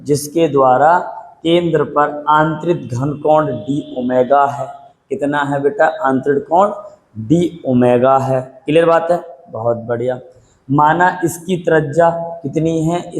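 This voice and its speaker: A man's voice: fairly high pitch, poor audio. Patient male teacher quizzing and repeating. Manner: repetitive call-and-response questioning; patient, dictates slowly for note-taking. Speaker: physics teacher. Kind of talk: classroom lecture.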